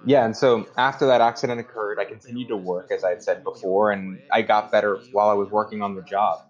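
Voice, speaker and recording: A man interpreting as a translation voice-over, speaking another person's account in the first person with halting, deliberate phrasing, on a dull online call recording. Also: fairly low pitch, fairly even intonation.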